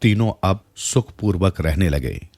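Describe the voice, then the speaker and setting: A man's voice: deep voice, lively intonation, a little slow. A man narrating a moral folk tale in a scripted storytelling style, changing his voice for the characters' lines. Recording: soft music bed behind the voice.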